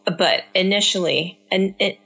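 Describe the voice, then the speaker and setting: Speaking a little slowly in a medium-pitched voice that is gravelly, slightly rough and a bit bright, this woman reflects earnestly on raising her young child, frequently restarting as she answers interview questions. A native Cantonese speaker appearing as a parent guest, she comes through on a muffled recording.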